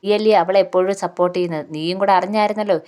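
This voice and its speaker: A woman's voice: on the low side, fairly even intonation, rapid-fire, warm tone, close to an everyday voice. A woman voicing an angry, suspicious middle-aged woman who fires accusing questions at her family. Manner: indignant, demanding questions.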